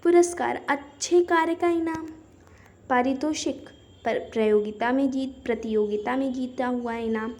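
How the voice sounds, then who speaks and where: A woman's voice: high-pitched, a little slow, darkish tone. A woman teacher reading word pairs with their meanings and explaining them with simple example sentences. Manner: explains each word, then gives everyday example sentences. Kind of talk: Hindi grammar lesson, reading word lists.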